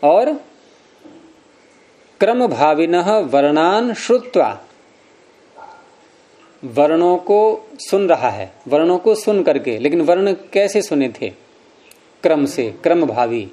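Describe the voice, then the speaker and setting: A man lectures slowly on Sanskrit sutras, his dark, high-leaning voice swinging widely in pitch and broken by long pauses. He recites in Sanskrit, repeats key words, and often quizzes the class.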